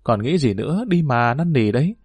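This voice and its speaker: A man's voice: mid-range voice, lively intonation, brisk, a little mellow, husky, no room sound. Man reading meek lovestruck schoolboy, stammering, pleading, storybook, dry sound. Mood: coaxing.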